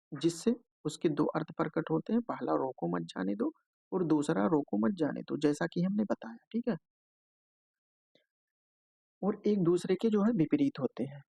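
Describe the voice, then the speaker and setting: Gravelly, higher-voiced man teaching exam prep. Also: a little mellow, no room sound. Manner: explanatory, repeats filler "jo hai" often; checks in with "theek hai" between points.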